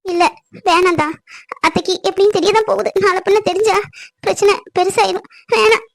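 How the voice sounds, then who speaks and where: A performer doing a young cartoon bride-to-be, her voice pitched very high and running along quickly. She sounds anxious and pleading, recorded close and dry with no room sound. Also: fairly even intonation, creaky, fairly bright tone, no room sound, heavily acted. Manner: pleading, anxious, breaks into tears. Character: worried young bride-to-be, tearful and earnest. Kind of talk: cartoon voice acting.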